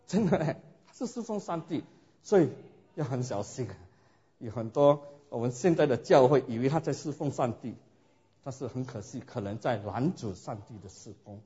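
A man preaching a sermon and telling his own story in a lively way, often asking his listeners rhetorical questions. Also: medium pitch. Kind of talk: sermon with personal testimony. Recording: dull lo-fi recording.

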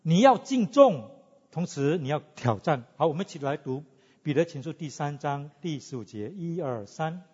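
A man preaching a sermon, teaching in an animated way and asking the congregation questions. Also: fairly high pitch, moderate pace, breathy edge. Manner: animated teaching, asks the congregation questions, mixes in English tags. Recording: lo-fi with long hall reverb.

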